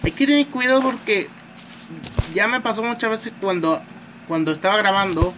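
A man talks his way through a game in a loose, chatty commentary, tossing in a filler word at every turn. His voice sits somewhat high for a man. A steady hiss of noise hangs behind a phone-mic recording. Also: moderate pace. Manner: chatty, says "tío" constantly, swears at enemies. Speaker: gamer. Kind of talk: casual gameplay commentary.

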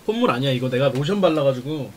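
Animated young man streaming while eating. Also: mid-range voice, fast talker, slight background noise. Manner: reacts to viewer chat, teasing and laughing; mutters between bites. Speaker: mukbang streamer.

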